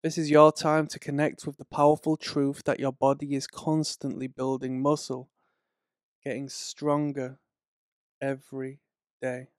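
A man reading a slow, soothing guided relaxation and hypnosis script in a measured way. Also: mid-range voice, monotone, smooth, dry recording, clean studio sound.

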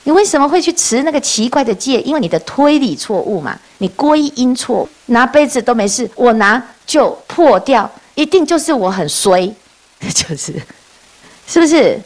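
Lively woman preaching. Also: high-pitched, normal speed. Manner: lively storytelling, often laughing and asking rhetorical questions. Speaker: Buddhist nun teaching. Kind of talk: dharma talk to a class.

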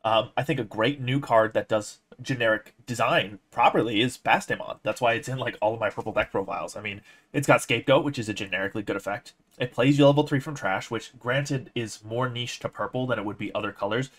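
A young man giving casual, opinionated commentary on a card game, explaining his points in a measured way. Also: mid-range voice, a bit bright. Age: young adult.

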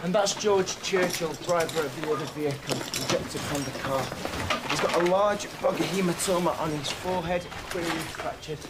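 A man playing a brisk, focused emergency medic in a medical drama, with a businesslike, clinical delivery. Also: fairly high pitch, natural voice. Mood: brisk, urgent. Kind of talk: filmed medical drama acting. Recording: very noisy hospital scene ambience.

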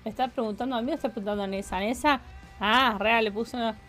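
A woman's voice: a little high, quick pace, a bit bright, faint music behind. A woman in her forties with a Córdoba Argentine accent, chatting playfully with her viewers while she plays a game, humming sing-song fillers. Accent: Córdoba Argentine Spanish. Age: 40s. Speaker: streamer. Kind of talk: casual live-stream chat while playing.

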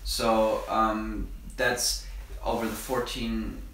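A young man from Germany interviewing his father in a casual, relaxed way, with halting questions and fillers. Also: lowish voice, a little hiss or hum. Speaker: interviewer, channel host. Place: living room by a tiled stove. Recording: very echoey room from a distance.

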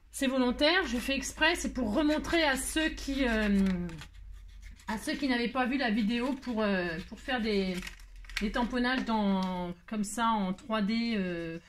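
Chatty French-speaking woman, fairly high voice. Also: slight background noise. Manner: chatty and rambling, with many asides to viewers; hurried, self-mocking. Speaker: craft tutorial host. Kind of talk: casual crafting tutorial talk.

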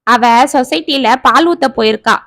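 A woman's voice: a little high, moderate pace, fairly bright tone, dry recording. A woman storyteller voicing a caring middle-aged village sister who fusses over her ailing brother. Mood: fussing.

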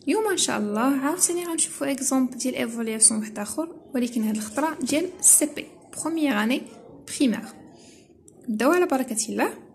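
A woman teacher with a Moroccan accent explaining a first-grade lesson, mixing quick chat with slow, syllable-by-syllable spelling. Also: sits high, darkish tone, a little hiss or hum. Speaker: primary school teacher. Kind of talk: video lesson mixing Darija and French.

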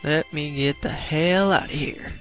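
A young man commentates a video game in a slightly high, unhurried voice, swearing and exclaiming as battles go against him. Faint game music plays behind his voice. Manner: excitable, swears often, groans and exclaims at setbacks. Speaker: gameplay commentator. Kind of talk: casual gameplay commentary.

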